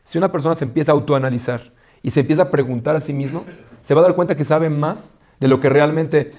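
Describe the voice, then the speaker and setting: A rabbi giving a Torah lesson, asking rhetorical questions, restarting phrases and weaving in Hebrew terms. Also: male voice, on the high side, fast talker, darkish tone.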